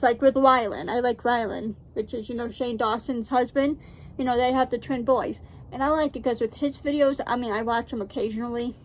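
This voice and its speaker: A woman's voice: a little high, a little hiss or hum, poor audio. A woman hosting a reaction video, talking casually and rambling with lots of fillers. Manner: chatty, rambling with many fillers. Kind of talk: casual chat.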